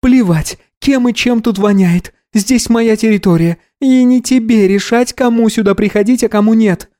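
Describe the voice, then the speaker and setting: Man doing a young panther-shifter woman, audiobook, sharp-tongued, scolding, higher pitch, mellow tone. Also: normal speed, close to an everyday voice. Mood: angry. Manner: curt, scolding, defiant.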